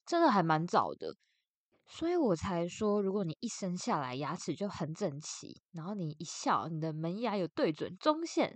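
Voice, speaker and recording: Lively Taiwanese woman chatting with braces. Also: lowish voice, no echo. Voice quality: slightly slurred articulation from wearing braces. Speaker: podcast host. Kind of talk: casual solo chat.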